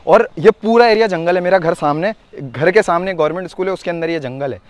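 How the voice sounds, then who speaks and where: A man filming a casual vlog outdoors in thorny scrubland, talking excitedly to the camera and dropping to a hush as he creeps closer. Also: high voice, fast, no echo. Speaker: vlogger. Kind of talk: casual vlog narration while searching.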